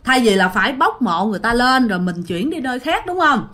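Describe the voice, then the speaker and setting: A woman's voice: a little high, lively intonation, fairly quick, pushed and bright. Chatty Southern Vietnamese woman telling ghost stories. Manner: chatty, often turning to the listeners. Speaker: storyteller. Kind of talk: casual ghost storytelling.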